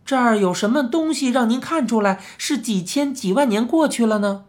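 A woman's voice: fairly high pitch, moderate pace, darkish tone, close to an everyday voice. A woman voicing a curious, persistent child in a children's audiobook, pressing with insistent questions.

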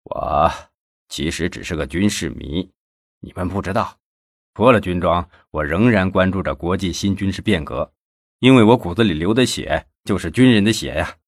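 A man voicing a retired older army officer in an audiobook, speaking in a low, subdued, earnest way. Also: lively intonation, normal speed, fairly bright tone, dry recording, studio quality.

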